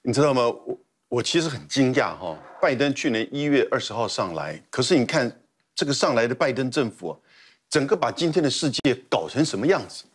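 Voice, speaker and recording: A man's voice: mid-range voice, lively intonation, brisk, slightly rough. A man, a guest commentator making an argumentative, emphatic case with repeated words. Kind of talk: heated political commentary. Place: TV studio.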